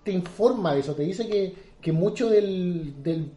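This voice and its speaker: A young Chilean man with a high voice talks slowly on a podcast, stopping and restarting his thoughts and using slang. The sound is echoey, as if from a bare room. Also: animated, warm tone. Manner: hesitant, trails off and restarts, slangy. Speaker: podcast co-host. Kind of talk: casual chat. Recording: roomy echo.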